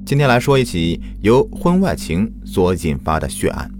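A man's voice: sits low, big pitch swings, normal speed, over music. A man narrating true crime from a script as a host, in a dramatic storytelling manner. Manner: dramatic storyteller with rhetorical questions.

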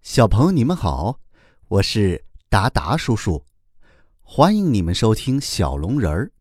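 A man narrating a children's story in a very animated, deliberate way. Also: lowish voice, breathy edge, no echo, studio quality.

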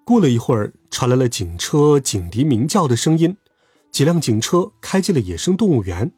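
A man telling a children's story aloud in a lively, expressive way. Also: mid-range voice, normal speed, soft background music.

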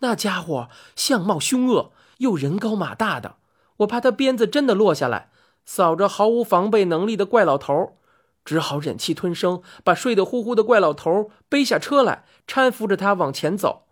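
A woman's voice: mid-range voice, moderate pace. A woman telling a story in the first person, reading expressively and acting out the dialogue. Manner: lively, acts out the quoted lines. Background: faint music.

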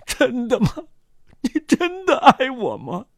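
A storyteller voicing a remorseful male criminal in a children's story, pleading and sobbing in a strained, high voice. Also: huge pitch swings, slow pace, fairly bright tone, dry recording, clean studio sound, heavily acted. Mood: anguished disbelief.

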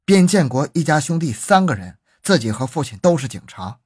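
Husky male true-crime narrator. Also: on the high side, very animated, fairly quick, darkish tone, no room sound, clean studio sound. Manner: dramatic, suspenseful storytelling.

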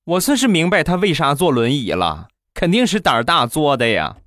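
A man voicing a blunt, outspoken young woman who mocks loudly in a comedy bit. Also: on the high side, very animated, fairly quick, background noise, voice pushed up. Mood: mocking. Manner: loud, blunt and mocking.

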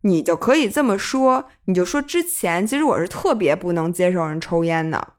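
A woman's voice: lowish voice, lively intonation, normal speed. A woman co-hosting a podcast, giving confident relationship advice in casual chat and dropping English words into her talk. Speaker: podcast co-host.

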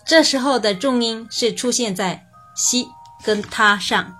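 A woman teaching Japanese pitch accent in a lesson, explaining patiently and repeating example words slowly for learners to copy. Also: bright, forceful tone, soft background music. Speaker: language teacher.

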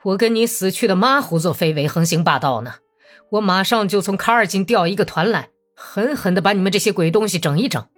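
A woman's voice: medium pitch, animated, brisk, soft background music, close to an everyday voice. A woman voicing a blunt, hot-tempered male Cossack officer who speaks in curt, threatening words. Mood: angry.

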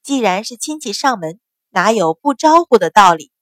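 A woman's voice: medium pitch, sing-song, normal speed, no room sound, natural voice. A woman voicing a composed young noblewoman who speaks coldly and with authority. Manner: cold, composed. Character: cool, commanding young noblewoman.

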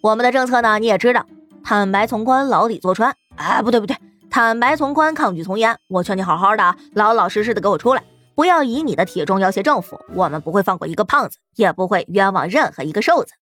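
A man voicing a blustering self-styled woman detective who shouts threats through a door. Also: high voice, expressive, fast talker, faint music behind, pitched above the performer's own voice.

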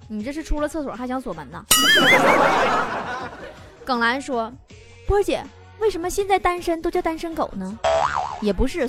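Lively Northeastern Chinese woman radio host. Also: high voice. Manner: playful, teasing, laughs at own jokes. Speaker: radio host reading listener messages. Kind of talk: casual comedic radio chat. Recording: music bed behind voice.

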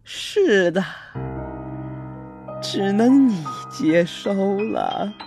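A man voicing a sinister recluse from a dim hut in a horror audio story, speaking slowly and insistently. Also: high voice, expressive, creaky, a little mellow, faint music behind, heavily acted. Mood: eerie. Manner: slow, eerie, insistent.

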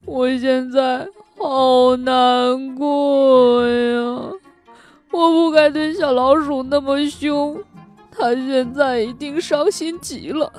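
A woman's voice: high-pitched, moderate pace, soft background music, voice pushed up, lightly acted. A woman voicing an anxious little male gnome who swings from tearful to eager in a children's storybook. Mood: sad. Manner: loud, emphatic, fretful. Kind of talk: storybook read-aloud for children.

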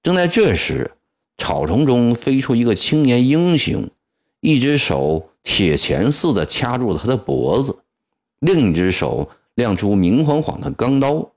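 A man narrating a historical tale in a dramatic, expressive traditional storytelling style. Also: mid-range voice, a little slow.

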